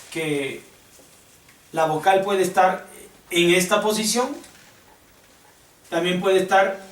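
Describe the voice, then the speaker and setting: A man teaching a classroom lesson, slow and patient, often checking whether the class understands. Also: sits high. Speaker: Hebrew teacher. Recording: echoey room, distant mic, faint hiss.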